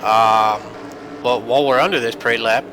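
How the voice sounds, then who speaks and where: Over a noisy background, a young man with a mid-range, steady voice calls a sim race at a moderate pace. A sinus infection leaves him congested, and his commentary wanders chattily, packed with filler words.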